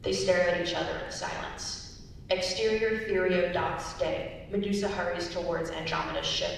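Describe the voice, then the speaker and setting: Reading stage directions aloud as narration, a young adult woman keeps a steady tone and normal pace, her voice gravelly. The recording comes from a distant mic in a very echoey hall, with hiss and rumble.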